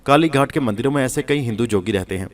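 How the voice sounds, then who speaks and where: A man's voice: medium pitch, recorded from a distance, close to an everyday voice. A man voicing a nervous, stubborn husband in a spoken story. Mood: worried. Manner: anxious insistence.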